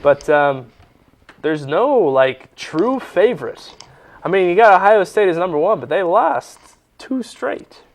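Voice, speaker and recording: A man's voice: sits high, animated, unhurried. A young man co-hosting a sports talk show, chatting casually and teasing his partner with sarcastic jokes.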